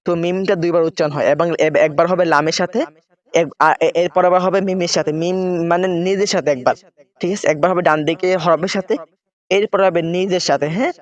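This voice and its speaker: A man's voice: sits high, fast, highs cut off. A man teaching Quran reading step by step, spelling out letters and vowel marks and often checking in with his listeners.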